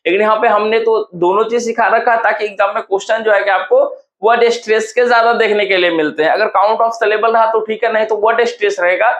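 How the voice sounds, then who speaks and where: Man, teacher, high voice, step-by-step explaining, exam-prep lesson. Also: steady tone, fast talker, a bit bright, highs cut off. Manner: explains step by step with repeated questions.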